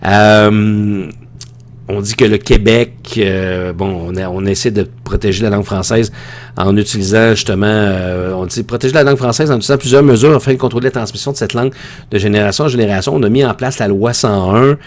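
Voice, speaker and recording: Speaking a little fast in a fairly low voice, this high school teacher from Quebec, Canada, has a Quebec French accent. His informal online lecture is conversational and opinionated, with frequent digressions.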